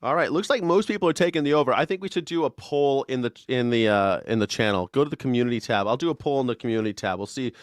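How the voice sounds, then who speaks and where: A man's voice: medium pitch, fast, hardly any pauses, no echo, studio quality. A man in his forties hosting a live stream, ranting sarcastically about the news with swearing, and reading out chat comments. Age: 40s. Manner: sarcastic, profane and rambling, reads chat comments aloud. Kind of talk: casual political comedy rant.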